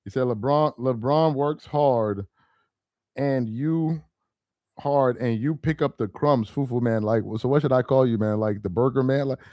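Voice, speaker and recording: Speaking in a mid-range, unhurried voice with no echo, a young man of Nigerian heritage runs a casual stream. He reads comments aloud and talks right to his chat, animated, laughing and exasperated by turns.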